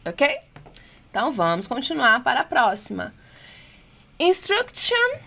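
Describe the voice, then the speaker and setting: A woman with a Brazilian Portuguese accent, an English teacher going through exam questions, asking rhetorical questions and reading the English items slowly and deliberately. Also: high voice, lively intonation, a bit bright. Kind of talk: exam-prep lesson explaining test questions.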